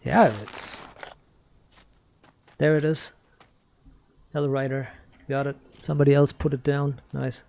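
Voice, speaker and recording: A man's voice: mid-range voice, little pitch movement, takes it slowly, vocal fry, pauses often, a little mellow. A man streaming a game, ranting casually and defensively, repeating rhetorical questions and swearing. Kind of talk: casual ranting while playing.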